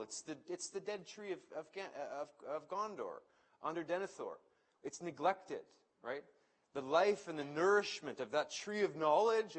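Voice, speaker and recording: A man speaking at a conference event, presenting in a conversational way that thinks aloud and often restarts phrases. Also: fairly high pitch. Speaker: conference speaker introducing a panel. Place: event venue.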